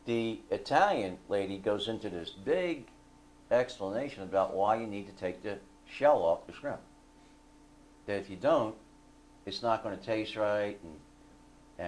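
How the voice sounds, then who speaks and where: A man leading a fellowship group, telling a story in a casual, animated way and asking the listeners for agreement. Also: on the low side, moderate pace, a little hiss or hum.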